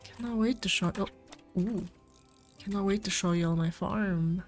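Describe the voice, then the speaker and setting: A gameplay streamer with a cold talks to her audience at a moderate pace and medium pitch, wandering casually through topics as she farms in a game. Game music sits faintly in the background.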